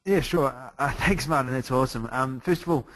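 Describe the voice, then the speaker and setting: Talking a little fast in a medium-pitched, somewhat bright voice, a man from New Zealand hosts a live webinar from his hotel room late at night using a computer mic. His New Zealand-accented delivery is cheerful and conversational, full of fillers, with no room sound in the recording.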